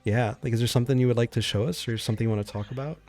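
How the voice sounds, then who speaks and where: A man's voice: mid-range voice, steady tone, rapid-fire, a little mellow. Laid-back man hosting a livestream. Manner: laid-back, laughs often. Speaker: livestream host. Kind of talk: casual group livestream chat.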